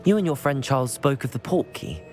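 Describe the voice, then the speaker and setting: An actor playing a young student wizard in a video game, speaking politely and formally with composure. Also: male voice, medium pitch, expressive, brisk, faint music behind, close to an everyday voice. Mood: composed, respectful. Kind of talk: scripted game dialogue.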